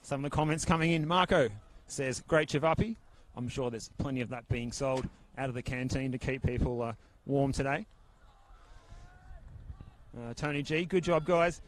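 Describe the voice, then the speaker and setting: An Australian man calling a football match play by play, reading out viewer comments in a steady way. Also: mid-range voice, moderate pace. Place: commentary booth at a ground.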